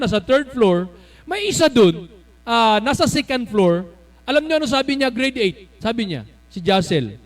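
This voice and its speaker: Pastor guy preaching, voice way up high, bouncy and loud in bursts. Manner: animated, bursts into shouts and laughter while telling stories. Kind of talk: sermon.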